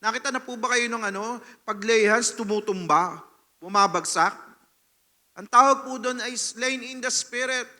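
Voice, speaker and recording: A Filipino man preaching a sermon as pastor, telling a personal testimony with animated storytelling and frequent "no?" tag questions, swinging between loud and hushed. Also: very high voice, moderate pace. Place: church hall. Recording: long reverb of a church hall.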